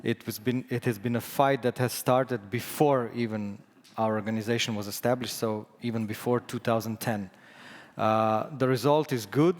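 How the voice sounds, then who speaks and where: A man's voice: mid-range voice, fairly even intonation, moderate pace. A man with a Slovenian accent whose first language is Slovenian, giving a conference presentation with many fillers and restarts. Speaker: conference speaker. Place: conference hall. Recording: long hall reverb.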